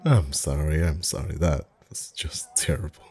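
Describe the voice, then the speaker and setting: At normal speed, the ASMR actor's face painter sounds sheepish and playful. His gentle, very low, mellow voice rambles on in a chatty, mildly flirtatious manner.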